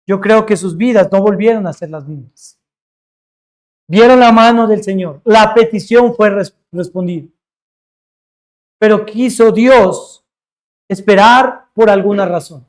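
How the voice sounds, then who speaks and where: A male pastor preaching a sermon with earnest emphasis, slowing down to stress key words as he retells a scripture story. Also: high voice.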